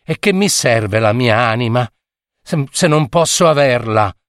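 A man's voice: medium pitch, expressive, dry recording, clean studio sound, lightly acted. A man playing a desperate young fisherman. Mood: pleading. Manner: urgent, pleading, hurried.

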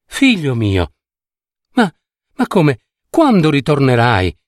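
A man voicing an anguished old peasant mother who cries out in a high, pleading voice. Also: huge pitch swings, takes it slowly, dry recording, clean studio sound. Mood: grieving.

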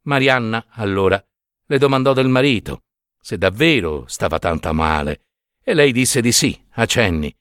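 A man reading a story aloud with expressive, dramatic phrasing and long pauses. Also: fairly low pitch, no room sound, clean studio sound. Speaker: narrator.

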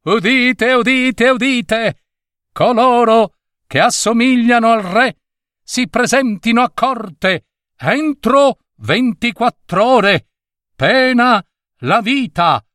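A man voicing a royal herald who makes a loud, ringing proclamation in a storybook tale. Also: very high voice, animated, slow pace, no room sound, clean studio sound, voice pushed up, exaggerated voice. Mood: proclaiming.

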